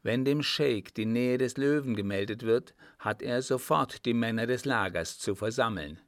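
A man's voice: mid-range voice, moderate pace, no echo, clean studio sound, natural voice. A man voicing a dutiful tribesman who speaks seriously and steadily, holding firm. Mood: firm, earnest. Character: earnest, dutiful young tribesman, defiant but calm.

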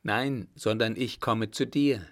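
A man voicing a confident young lieutenant in a calm, assured way, in a storybook reading. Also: fairly low pitch, slow pace.

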